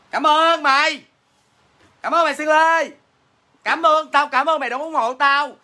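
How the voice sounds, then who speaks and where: Here a livestream seller with a Southern Vietnamese accent chats casually, responding to comments by ribbing viewers with crude, brash humor. She has a mid-range voice that comes across bright and forceful.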